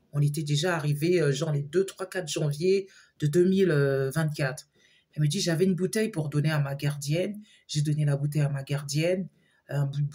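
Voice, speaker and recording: A woman telling her viewers a personal story in a casual, animated way, with frequent fillers and repetitions. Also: deep voice, slightly rough.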